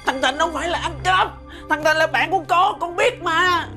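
A naive young husband in a TV drama. He pleads insistently in a very high, bright voice. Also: moderate pace, soft background music, heavily acted. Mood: pleading.

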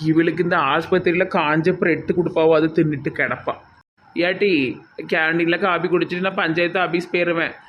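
A man's voice: fairly high pitch, fairly even intonation, a little fast, dull audio, a little hiss or hum, natural voice. A man playing an offhand, uncaring old husband in a comedy skit, with a Tirunelveli Tamil accent. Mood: dismissive. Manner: curt, offhand. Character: indifferent old husband, curt and careless.

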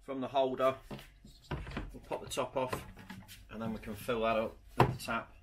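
Speaking at an ordinary pace in a mid-range voice with little pitch movement, a man in his forties reviews a product hands-on, chattily narrating every step to himself. He's indoors in his home garage workshop, captured by a camera mic several feet away on a noisy recording.

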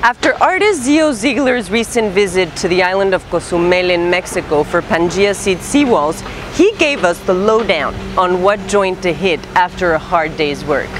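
With a voice on the low side, a woman in her thirties animatedly presents scripted news items as a show host, using casual slang at a moderate pace with few pauses. The recording is from a lapel mic on an outdoor city street, with music behind her.

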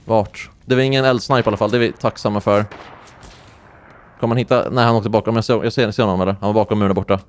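Excitable young man narrating his game. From Sweden. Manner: excitable, swings into high-pitched yelps when surprised. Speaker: gaming streamer. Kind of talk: live gameplay commentary.

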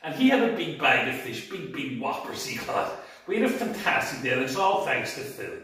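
A man's voice: on the high side, very animated, a little fast, sharp tone. A tired man chatting cheerfully to camera as a fishing vlogger, laughing often. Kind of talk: casual chat to camera. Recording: very echoey, voice from a distance.

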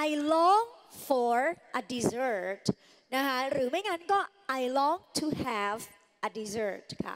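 A woman English tutor giving a lively lecture in a large hall, coaxing students with frequent polite particles. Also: high-pitched. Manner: coaxing, calls students "children", ends phrases with polite particles. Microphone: handheld mic.

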